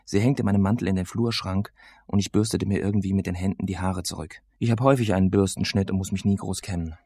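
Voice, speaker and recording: A man narrating an audiobook in a casual, sardonic first-person voice. His voice is very low, with gravel and a husky edge. The sound is dry and close. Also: steady tone, quick pace, dark tone, dry recording. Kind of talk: first-person novel reading.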